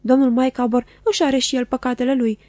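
A woman's voice: sits high, flat delivery, warm tone, no echo, close to an everyday voice. A woman voicing an emotional, melodramatic middle-aged wife who declaims her loyalty insistently in an audiobook. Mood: tearful, dramatic. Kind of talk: audiobook character voice.

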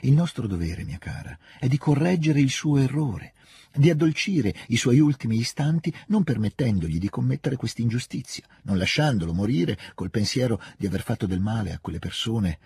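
A man reading aloud, voicing a smooth, scheming older nobleman who coaxes in a soft, hushed way. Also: medium pitch, animated, normal speed, dry recording, studio quality, voice pushed up. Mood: coaxing. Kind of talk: audiobook reading.

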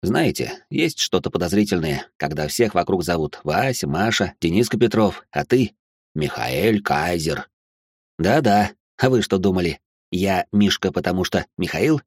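A man's voice: low-pitched, lively intonation, unhurried, slightly rough, no room sound, studio quality. A man narrating an audiobook in a wry, sardonic first-person voice. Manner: wry, sardonic inner monologue.

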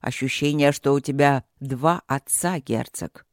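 A reader voicing a calm, wise male dragon lord who speaks slowly and soothingly, in an audiobook. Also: mid-range voice, no echo, studio quality, pitched below the performer's own voice, lightly acted. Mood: serene. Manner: slow, even, soothing.

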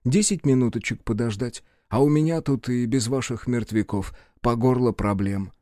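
A man's voice: medium pitch, moderate pace, dark tone, no echo, clean studio sound, close to an everyday voice. A man doing a fussy, ceremonious town official. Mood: complaining. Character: fussy, polite middle-aged male town official.

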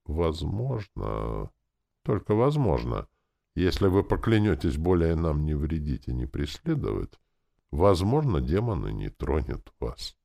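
A man reading an audiobook, voicing a calm, measured thief companion. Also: a bass voice, creaky, exaggerated voice.

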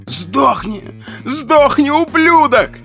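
A woman's voice: high-pitched, lively intonation, slow, fairly bright tone, faint music behind, voice pushed up, full character voice. A man voicing a screaming, frenzied murderous wife. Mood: screaming rage. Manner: hoarse screaming, strained vocal cords. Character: frenzied murderous wife, adult woman, full of hatred.

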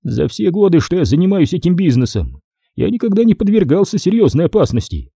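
A sneering, depraved middle-aged major from a crime audiobook, as a male narrator puts him on, raised well above the reader's own pitch. His tone is husky and dark, swinging widely between mocking lilts and sharp commands. The dry, close recording keeps every sneer up front. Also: very animated, a little fast, no room sound, exaggerated voice. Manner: ironic, condescending.

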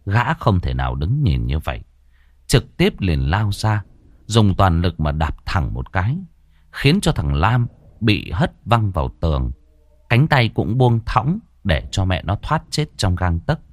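Low-voiced male horror storyteller. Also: measured pace, dry recording. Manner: dramatic, lively storytelling. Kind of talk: scripted horror narration.

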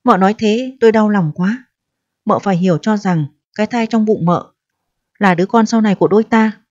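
A woman's voice: mid-range voice, a little fast, darkish tone, no echo, lightly acted. A woman reading the lines of a much older married man who placates and lectures in a storybook reading. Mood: placating. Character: older married man, forty years her senior, persuasive. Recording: dull, dry audio.

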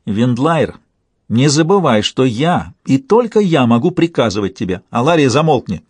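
A man's voice: medium pitch, big pitch swings, moderate pace, breathy edge, no echo, clean studio sound. A man reading an audiobook and voicing a bossy, cold woman leader who snaps out orders. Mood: commanding. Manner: snapping, domineering orders.

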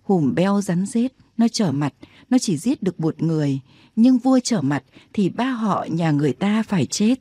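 A woman reading an audiobook, voicing a very old, wary grandmother who talks slowly and solemnly. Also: medium pitch, expressive, dark tone, slightly rough, no room sound, studio quality. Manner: slow, measured, solemn.

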